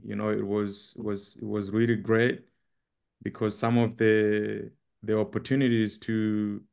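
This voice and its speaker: Man from zambia talking on a webinar call, lowish gravelly voice but smooth, lots of ums. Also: a little mellow. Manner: earnest, with frequent ums and repeats. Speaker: guest speaker. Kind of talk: webinar presentation. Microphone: webcam on a video call.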